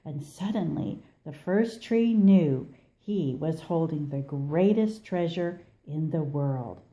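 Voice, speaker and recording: Mellow-voiced woman reading a storybook. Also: low voice, animated. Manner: measured, dramatic pauses. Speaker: storybook reader. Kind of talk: expressive children's story read-aloud.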